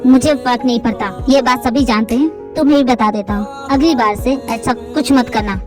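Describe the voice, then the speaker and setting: A woman's voice: fairly high pitch, moderate pace, music in the background, voice pushed down, close to an everyday voice. A woman doing a cold, blunt young husband. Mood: stern. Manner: firm, curt. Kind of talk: fan audio drama, voicing all roles.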